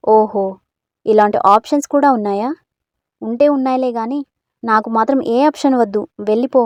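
Lady playing a sassy jumpy young girl, fairly high voice, quick snappy lines. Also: dry recording, muffled recording, close to an everyday voice. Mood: frightened sassy. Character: feisty young woman, sharp-tongued and jumpy.

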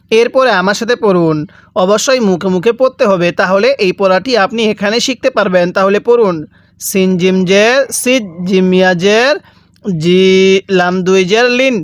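A man's voice: sits high, no echo, studio quality. A man teaching Quran reading, spelling out Arabic letters syllable by syllable and patiently asking the listener to repeat after him. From Bangladesh. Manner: patient, repeats slowly and asks listeners to read along; draws out sounds syllable by syllable. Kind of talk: step-by-step spelling lesson for reciting Arabic letters.

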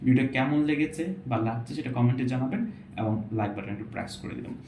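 Guy running a pronunciation lesson, says words over slowly, roomy echo, faint hiss behind. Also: medium pitch, darkish tone. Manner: explains patiently, mixes English words in, repeats example words slowly. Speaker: English pronunciation teacher. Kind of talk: casual video lesson. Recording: echoey room, faint background noise.

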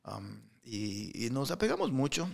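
A man's voice: mid-range voice, wildly swooping pitch, measured pace, gravelly, darkish tone. A middle-aged man telling anecdotes in a casual interview, with lots of fillers and restarts. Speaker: interview guest, entrepreneur. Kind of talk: casual storytelling.

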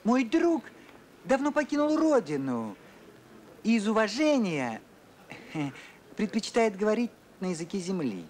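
An actor playing a courteous, eccentric elderly gentleman in a children's sci-fi film, formal and theatrically polite. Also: sits high, sing-song, unhurried, pauses often. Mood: excited, evasive.

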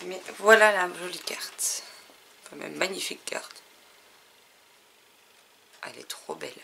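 Chatty, bright-voiced French woman. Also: on the low side, lively intonation, slow, vocal fry, long pauses, slight background noise. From France. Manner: chatty, enthusiastic, often trails off with fillers. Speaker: YouTuber unboxing an advent calendar. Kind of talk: casual unboxing vlog.

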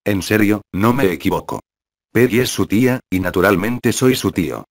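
A man reading the lines of a smug, shameless young man in an even, low voice. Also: moderate pace, dry recording, studio quality.

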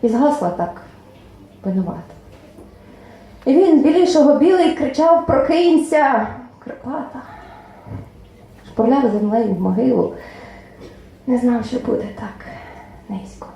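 A woman poet reciting her own verse at a book presentation, expressive, with lines that trail off softly into near-whispers. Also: on the high side, normal speed, gravelly, long pauses. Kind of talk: poetry reading at a book presentation. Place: club event hall. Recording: very echoey hall, faint room noise.

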